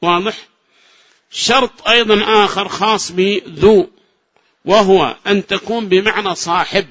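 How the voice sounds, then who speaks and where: A grammar teacher from Yemen gives a classroom lecture in a fairly high voice. He keeps checking his listeners with short rhetorical questions and repeats examples slowly. The recording sounds dull and lo-fi. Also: a bit bright.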